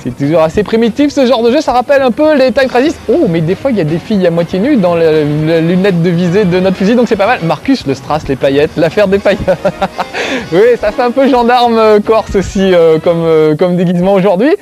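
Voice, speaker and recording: This game show host, a man with a Corsican accent, talks briskly in a high, darkish and expressive voice as he plays and comments casually to camera. He is chatty and jokes at his own expense, shot in close framing tight on his face.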